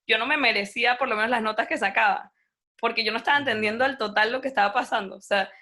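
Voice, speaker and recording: As a guest in an interview, a young woman who grew up speaking Spanish talks fast in a highish voice. Her storytelling is lively and informal, and she acts out the characters involved.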